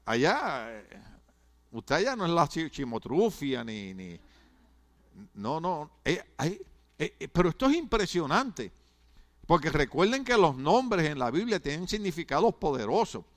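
A male pastor preaches in a fairly high voice. He talks to his congregation casually, joking and stumbling over his words before pushing on. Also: very animated, unhurried. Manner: conversational, humorous preaching with stammered restarts. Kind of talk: sermon.

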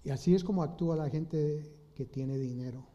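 Halting, mellow-voiced male preacher. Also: fairly high pitch. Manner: halting, many restarts, rhetorical questions. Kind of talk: informal sermon retelling a Bible story. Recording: slightly dull lo-fi audio.

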